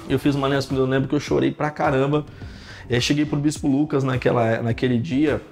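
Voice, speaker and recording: Over faint background music, a pastor in his thirties speaks fairly quickly in a creaky, mid-range voice. He's telling animated stories in a casual podcast chat, dropping "cara" and "né" frequently.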